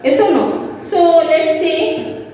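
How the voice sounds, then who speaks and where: A woman teaching a children's class online, explaining slowly and repeating herself step by step. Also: very high voice, expressive, warm tone. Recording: echoey room from far off with faint noise.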